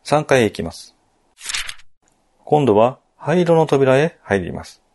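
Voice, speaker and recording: A man calmly narrating a game walkthrough in polite speech, adding his own asides. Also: medium pitch, slow pace, a little hiss or hum.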